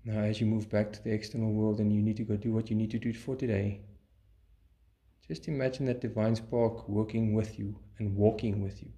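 A man leading a guided meditation in a calm, soothing, measured way, pausing between short phrases. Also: lowish voice.

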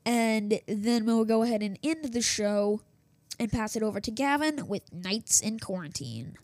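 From her home office, a woman hosts a small radio news show, rambling casually with lots of fillers, restarts and self-interruptions while her voice gives out. Her slightly high, darkish voice has lively intonation and an unhurried pace. She uses a desktop setup with a small soundboard, and the recording is dry.

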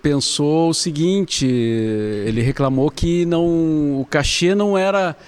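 A man's voice: a little high, a little slow, clear, resonant tone. Conversational male interviewer. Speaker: interviewer host. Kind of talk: podcast interview.

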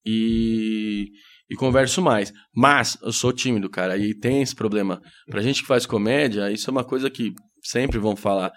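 A man's voice: fairly low pitch, normal speed. A Brazilian man, a comedian, chatting casually and telling anecdotes, calling himself shy and acting out the people he quotes. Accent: Brazilian Portuguese. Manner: shy, self-deprecating storyteller who acts out quoted voices. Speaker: comedian guest. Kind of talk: casual podcast chat.

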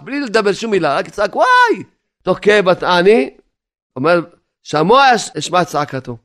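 A man's voice: sits high, a bit bright. A man giving a religious lesson in a chanting cadence, reading old Aramaic text and translating it line by line with frequent asides to listeners. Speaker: rabbi teaching Zohar. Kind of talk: Torah lesson sermon.

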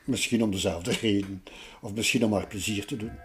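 This older Flemish-accented man, an art collector being interviewed, speaks briskly in a fairly low voice whose tone is fairly bright and whose intonation stays fairly even. He tells stories conversationally with recurring tags, while music plays in an echoing room.

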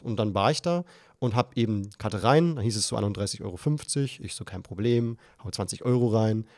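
A man's voice: no room sound, studio quality. A young man hosting a podcast, telling a long story in casual chat and acting out his own flustered voice. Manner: animated storyteller, acts out his own panicked voice in high pitch. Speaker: podcast host.

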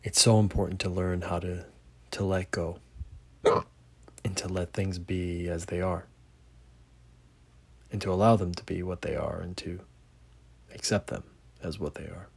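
A man hosting a reflective podcast, talking slowly and haltingly through a bout of hiccups, with gentle pauses and restarts. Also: sits low, fairly even intonation, vocal fry, slightly rough. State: has the hiccups. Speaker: podcast host. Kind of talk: reflective solo podcast monologue. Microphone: podcast mic.

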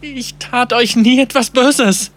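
A man's voice: very high-pitched, slow, fairly bright tone, voice pushed up, heavily acted. A man voicing a ruthless pirate captain in a storybook, snarling orders and cracking into frantic pleas. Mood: frantic pleading. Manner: snarling, then pleading in panic.

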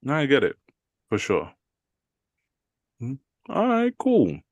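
A man's voice: medium pitch, huge pitch swings, takes it slowly, dry recording, lo-fi sound. A man co-hosting a podcast, talking in a laid-back slangy way and reading listener comments aloud. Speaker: podcast co-host. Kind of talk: casual chat.

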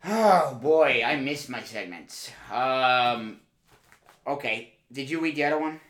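Excitable man hosting, roomy sound. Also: medium pitch, slow. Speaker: podcast host. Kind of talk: improvised comedy chat.

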